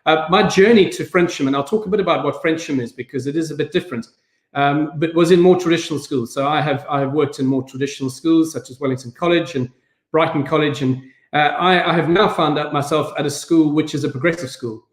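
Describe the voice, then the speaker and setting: Middle-aged South African man, headteacher, relaxed presentation, roomy video-call sound. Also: on the high side, fairly quick. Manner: friendly, informal, with fillers and restarts. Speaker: school head. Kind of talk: virtual event talk.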